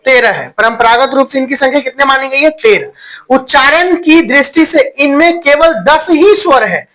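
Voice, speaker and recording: A man's voice: very high voice, expressive, moderate pace, sharp tone, rough recording. A man teaching a Hindi grammar class online. He asks the students questions, answers them himself, repeats key points and mixes in English words. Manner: stretches vowels while demonstrating sounds.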